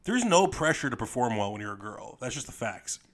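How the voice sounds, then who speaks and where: A man's voice: medium pitch, sing-song, a little fast. A man co-hosting a podcast, easygoing and teasing, laughing a lot. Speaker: podcast co-host. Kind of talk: casual podcast chat.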